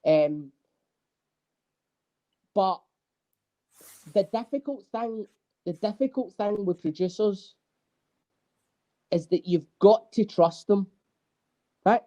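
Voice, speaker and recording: Mellow-voiced drummer telling stories. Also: male voice, sits high, takes it slowly, long pauses. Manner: animated storyteller, swears freely. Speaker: guest, drummer. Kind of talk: casual podcast interview.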